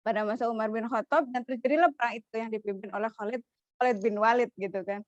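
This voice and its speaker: A woman's voice: a little high, quick pace, dry recording, muffled recording. A woman casually retelling a religious story, chatty, with many fillers and frequent laughs.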